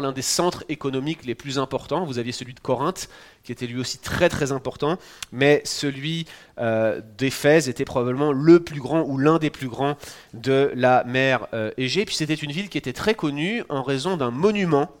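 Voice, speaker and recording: A French-accented male pastor in his forties preaches a sermon. He talks to the congregation in a relaxed, conversational way, teaching with humorous asides. His voice sits at an ordinary middle pitch. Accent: French (France). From France. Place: church in Quebec.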